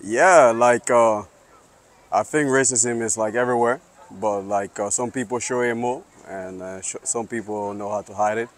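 A man in his thirties from Liberia, answering street interview questions outdoors in an earnest, halting way with many fillers. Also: lowish voice, slight background noise. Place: sunny city square outdoors.

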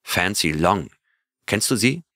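A man's voice: sits low, lively intonation, takes it slowly, pushed and bright, no echo, studio quality, heavily acted. A man reading an earnest astronaut storyteller. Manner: earnest storytelling, asks listeners questions. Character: male astronaut telling his adventure to his crew. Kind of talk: audiobook reading of a character's tale.

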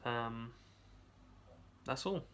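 There's a little hiss or hum on this recording of a young man with an animated, slightly bright mid-range voice who draws out his words. He's vlogging a casual video diary to a close-held phone camera in his home basement, rambling with many restarts and fillers.

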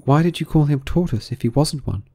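A man's voice: fairly high pitch, expressive, a little fast, darkish tone, voice pushed up. A man voicing a polite, curious little girl from a storybook, with a questioning, slightly doubtful manner. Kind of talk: storybook character reading.

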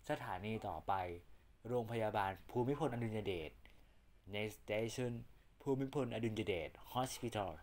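Man, train station announcement, formal, measured, unhurried delivery, lowish pitch. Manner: formal, measured, evenly spaced phrases.

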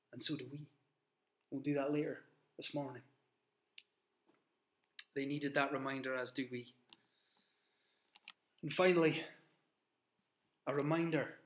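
A man in his thirties preaching an earnest, emphatic sermon into a webcam in a small plain room, with pauses and restarts. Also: a little high.

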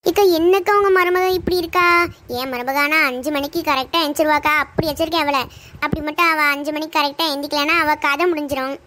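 A high, quick voice of a meddling cartoon neighbour, acted by a woman. She coaxes and stirs trouble slyly in Tirunelveli Tamil. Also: fairly even intonation, sharp tone, slight background noise. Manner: sly, stirring trouble, coaxing. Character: meddling gossipy neighbour mother-in-law Parvathi.

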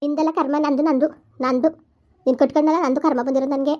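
A woman's voice: high-pitched, fairly even intonation, darkish tone, lightly acted. A woman playing an indignant young wife. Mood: sarcastic. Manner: rapid, complaining, indignant. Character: young wife fighting with husband over mothers. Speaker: wife in a family skit. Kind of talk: village comedy skit acting. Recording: slightly dull lo-fi recording.

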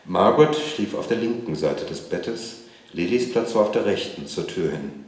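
A man reading a novel aloud at a literary event in a museum, in a calm and measured way. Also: low-pitched. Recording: echoey room.

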